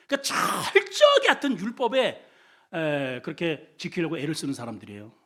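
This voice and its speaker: High, animated Korean pastor preaching. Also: male voice. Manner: dynamic, swings from loud exclamations to low quiet asides; shouts often in his preaching. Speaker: senior pastor. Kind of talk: sermon.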